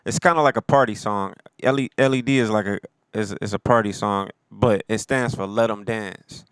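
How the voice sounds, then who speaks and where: Man, rapper-producer, laid-back slangy talk, very smooth lowish voice, dry close sound. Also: steady tone, moderate pace, a bit bright, no echo. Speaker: rapper and producer talking about his album. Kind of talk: casual solo talk.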